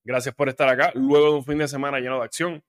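A man's voice: mid-range voice, flat delivery, quick pace. A man hosting a sports podcast, talking casually and breaking into heated rants with plenty of fillers. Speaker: podcast host.

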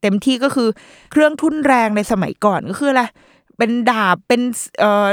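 A woman hosting a parenting podcast in a chatty, playful way, full of fillers and quick asides. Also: a little high, expressive, no echo, clean studio sound. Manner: chatty and playful, with lots of fillers and mock quoted voices. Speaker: podcast host. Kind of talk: casual parenting chat.

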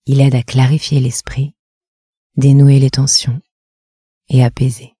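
A woman leading a guided meditation in a soft, half-whispered, measured voice. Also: extremely low pitch, little pitch movement, slightly rough, no echo, studio quality.

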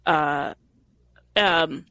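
A woman's voice: low voice, extremely slow, a bit bright, dry recording. A woman hosting a casual podcast, recapping episodes, often laughing and restarting her phrases. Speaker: podcast host.

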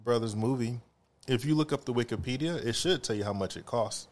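A man co-hosting a casual podcast chat, explaining things at length in a relaxed way. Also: medium pitch, a little fast. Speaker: podcast co-host.

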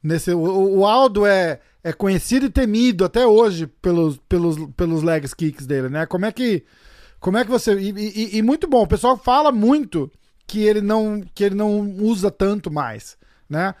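A Brazilian man hosts a loose podcast chat, reacting with slang and laughter. His voice sits fairly high. The sound is dry and close. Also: moderate pace, a little mellow, no echo. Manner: laughs often, slangy backchannel, enthusiastic. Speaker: podcast host. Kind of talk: casual podcast interview.

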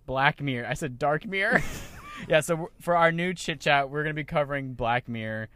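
A young man co-hosting a podcast in casual chat, relaxed and laughing, sometimes trailing off quietly. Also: fairly high pitch, fairly quick, a little hiss or hum. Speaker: podcast co-host.

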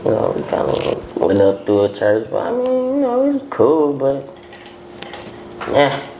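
A man's voice: medium pitch, huge pitch swings, a little slow. Slangy man chatting in an echoey room. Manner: slangy, conversational, repeats "you know what I'm saying". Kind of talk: casual group banter. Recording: echoey room with clear background noise.

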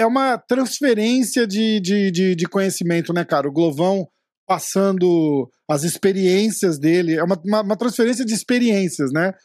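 A podcast host from Brazil with a high voice for a man. He asks long, halting questions, starting over and stumbling as he goes. The sound is dry and close to the mic. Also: dry recording. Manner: hesitant, many restarts and fillers. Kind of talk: casual interview chat.

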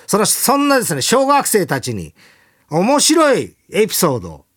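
Animated man hosting a radio show. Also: sits high, moderate pace. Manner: animated storytelling, chuckling often. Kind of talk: casual radio chat and reading listener mail.

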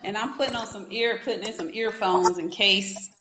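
An encouraging woman host asks questions over a video call in a cheerful, upbeat tone. Her voice bounces around a hollow, roomy space. Clear background noise runs under everything she says. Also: mid-range voice, moderate pace. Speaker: interviewer, host. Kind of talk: casual interview.

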